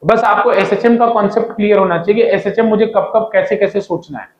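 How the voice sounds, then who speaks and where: A man's voice: high-pitched, quick pace, lo-fi sound. A man teaching physics in a classroom-style lecture, repeating key points and asking students questions as he goes. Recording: echoey room.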